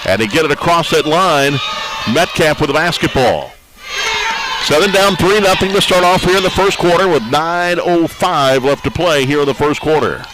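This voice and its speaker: A man's voice: on the high side, normal speed, crowd noise, background noise. A man giving live play-by-play commentary on a college basketball game, folksy and conversational, with frequent "uh" fillers. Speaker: play-by-play announcer.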